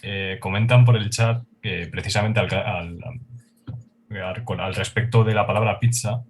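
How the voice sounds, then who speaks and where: A man's voice: lowish voice, steady tone, normal speed, slight background noise. A man hesitantly relaying comments in a casual panel discussion, stumbling over his starts.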